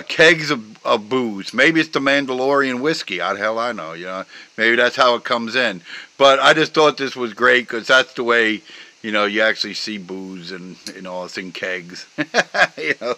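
A middle-aged man chatting casually, rambling with constant "you know" fillers and trailing off softly. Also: mid-range voice, rough recording. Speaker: vlogger. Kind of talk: casual rambling chat about memes.

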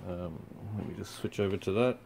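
This young man has a deep, gravelly voice and talks a little fast over slight background noise. As a company product presenter standing indoors in front of a TV screen, he casually explains how to reset a device, using many fillers like um.

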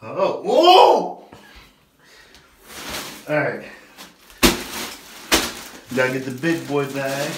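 A man's voice: mid-range voice, level tone, slow pace, long pauses. A young man chatting casually for a vlog, nervous and full of exclamations. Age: young adult. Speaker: vlogger doing an ice bath challenge. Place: small tiled bathroom at home. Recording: echoey bathroom with loud noise.

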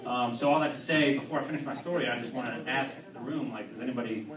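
Deadpan young man doing stand-up in a club. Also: mid-range voice. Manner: deadpan, halting with fillers and restarts. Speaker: stand-up comedian. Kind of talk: stand-up set. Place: comedy club with live audience. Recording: roomy, distant club mic with crowd.

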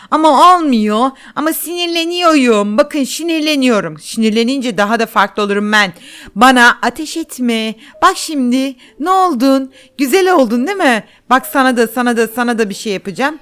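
A woman's voice: high voice, a bit bright, clean tone. Boastful woman narrating a game. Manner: boastful, chatty, repeats phrases, addresses viewers directly. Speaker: gameplay video host. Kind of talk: playful gameplay commentary for children.

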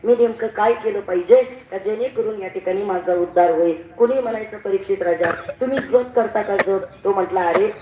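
A woman's voice: mid-range voice, brisk, few pauses, a little hiss or hum. A woman giving a devotional sermon at a village bhajan gathering, calling on the audience to answer and acting out the story's characters. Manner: acts out story characters in a rising voice. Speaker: kirtan preacher. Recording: roomy, distant, dull live recording.

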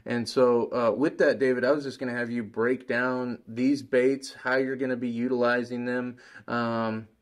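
Relaxed young fishing show host. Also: male voice, mid-range voice, moderate pace, few pauses. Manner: relaxed, hesitant with fillers, sets up questions. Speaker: interview host. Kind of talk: casual interview. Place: small indoor room at a table.

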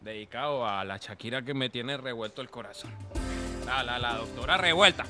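An actor playing a brash, lovestruck macho suitor in a telenovela, folksy and exuberant. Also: male voice, mid-range voice, moderate pace, over music, lightly acted. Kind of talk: telenovela acting.

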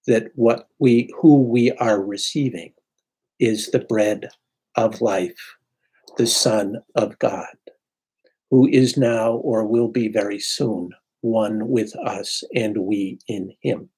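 A man in his sixties, a priest, giving an unhurried, reflective sermon from his home study into a webcam. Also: lowish voice, a little mellow, breathy edge. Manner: unhurried, reflective preaching with pauses. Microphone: webcam at desk.

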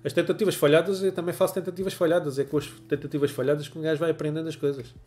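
Though he has a cold, this forties-aged photography livestreamer laughs a lot, greets viewers by name and reads their comments in a casual chat, his accent European Portuguese. He talks very fast in a slightly high, steady voice with a darkish tone. A wired earphone mic in a small home room captures him with slight background noise.

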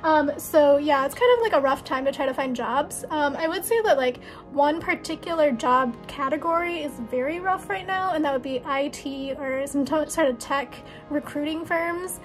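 A woman's voice: sits high, moderate pace, few pauses, faint music behind. A young woman chatting casually in a vlog, rambling with lots of ums and likes. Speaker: vlogger.

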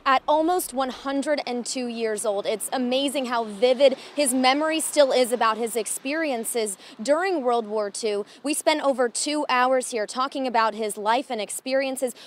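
A woman's voice: fairly high pitch, slight background noise. A young American woman giving a live TV news report as a field reporter, in a scripted broadcast style. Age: young adult. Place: outdoors on a street in front of a restaurant. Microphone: handheld reporter microphone.

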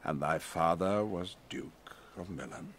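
In a Shakespearean audio drama, a man plays an exiled duke and magician who is commanding yet fatherly. His voice is low, a little slow, and exaggerated, shifting emphatically between hushed and loud. The mood is grave and intimate.

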